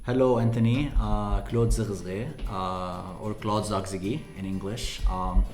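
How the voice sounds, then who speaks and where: A man from Lebanon speaks as a company president in an interview, his voice sitting low. He pauses often on "uh" as he explains things. The room gives his voice a roomy echo, and faint music plays underneath. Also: fairly even intonation, darkish tone. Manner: hesitant, many "uh" fillers. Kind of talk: interview answers.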